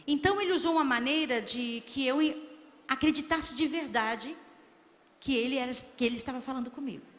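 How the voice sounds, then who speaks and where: High-voiced Brazilian woman giving heartfelt testimony. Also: a little fast, a bit bright. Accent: Brazilian Portuguese. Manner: heartfelt, repetitive storytelling. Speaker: church member giving testimony. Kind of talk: emotional church testimony. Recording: long reverb of a church hall.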